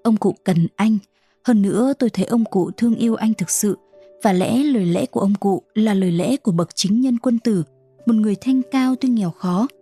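Woman as a gentle, kind mother. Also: mid-range voice, fairly quick, slightly rough, soft background music. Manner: soft and soothing.

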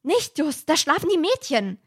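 A woman's voice: very high-pitched, measured pace, fairly bright tone, pitched above the performer's own voice, heavily acted. A woman reading aloud and voicing a nervous teenage boy detective in a jittery, pleading way. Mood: scared.

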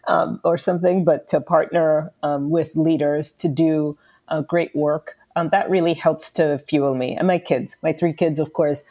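A woman from Trinidad and Tobago speaks as a podcast guest. Her voice is on the low side, and she talks earnestly, with frequent ums and uhs as she finds her words. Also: fairly even intonation, measured pace, mellow. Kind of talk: podcast interview answer.

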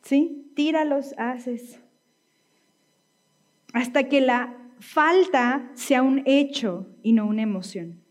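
A woman pastor delivers a sermon in a relaxed, conversational way, constantly checking in with her listeners through quick tag questions. Her voice sits a little high for a woman.

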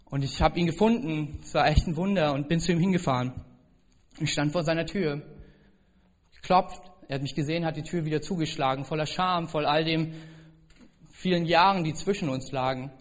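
A man preaches to his congregation, his voice sitting a little above the usual male range. He tells a personal story plainly, then pushes it up into loud, emphatic peaks. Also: on the high side, fairly quick. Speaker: pastor. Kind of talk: sermon.

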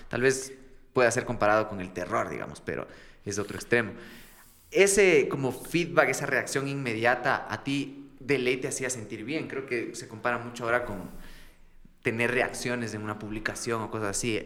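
A man's voice: medium pitch, moderate pace, fairly bright tone. A man interviewing a guest, giving short backchannels and asking reflective questions. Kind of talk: casual interview.

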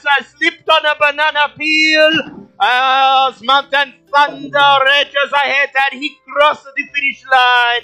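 Man doing a magically amplified race announcer, loud, high-pitched, bright, excited play-by-play calls. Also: full character voice, rough recording. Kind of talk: tabletop game master voicing a character.

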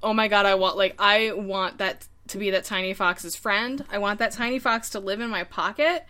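Bright-voiced rambling woman. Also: mid-range voice, moderate pace. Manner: rambling, searches for words, laughs often. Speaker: podcast co-host. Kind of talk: casual chat about games.

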